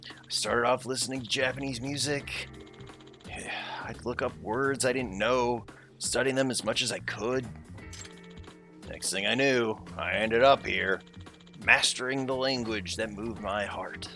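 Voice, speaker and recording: A man voicing a young male newcomer to Japan with a relaxed surfer drawl, reading game dialogue aloud. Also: mid-range voice, a little slow, soft background music, voice pushed up. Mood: earnest.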